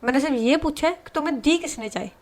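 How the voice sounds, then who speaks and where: A woman's voice: sits high, fast talker, darkish tone, pitched above the performer's own voice, lightly acted. A woman voicing a young woman who firmly scolds and questions her partner. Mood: scolding.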